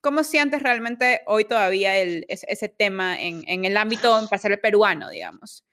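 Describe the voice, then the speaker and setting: A woman's voice: medium pitch, lively intonation, moderate pace, fairly bright tone. Chatty woman hosting an interview. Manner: chatty, lots of filler words. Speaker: host.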